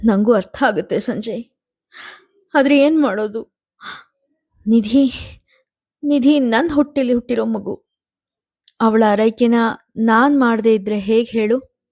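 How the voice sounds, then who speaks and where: A woman reading a family storybook, voicing a tearful young mother whose voice goes high and strained as she pleads. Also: unhurried, pauses often, a little mellow. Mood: resigned.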